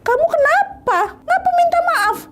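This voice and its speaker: Woman doing a puzzled young husband, high rising questions, quick. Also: lively intonation, a bit bright, slight background noise. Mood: confused. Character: young husband living away, confused and worried.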